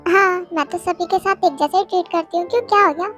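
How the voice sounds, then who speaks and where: A cheeky, stubborn young office woman, voiced by a very high-pitched reader who begs and argues back in a homemade storybook reading. The voice is high and light. Faint music runs underneath. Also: quick pace, fairly bright tone. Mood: pleading. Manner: pleading, cheeky.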